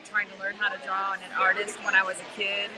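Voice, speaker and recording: A woman's voice: medium pitch, completely flat delivery, fast talker, noisy background. A woman giving casual answers as an artist guest in a live interview. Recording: busy crowd behind.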